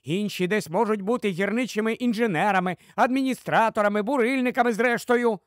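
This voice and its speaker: A sharp-tongued, nagging middle-aged wife, voiced by a man reading the audiobook, scolds in a shrill, raised voice. The voice sits well above the reader's own, and the sound is dry and close. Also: fairly quick, dry recording, lightly acted. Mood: scolding.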